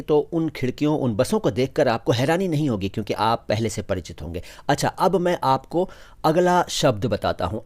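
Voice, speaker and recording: A man's voice: mid-range voice, a little mellow. A man hosting a travel vlog, explaining word meanings and carefully drawing out each word's pronunciation in a patient, teacherly way. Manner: slow, careful drawn-out pronunciation of words; patient explanatory delivery listing synonyms.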